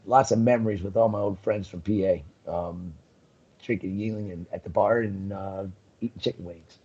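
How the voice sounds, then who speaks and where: Over a video call, a man who owns a coral business rambles through stories as a live-stream guest in a casual chat, saying um a lot and laughing often. His lowish voice has a breathy edge and fairly even intonation at normal speed, and the audio is dull.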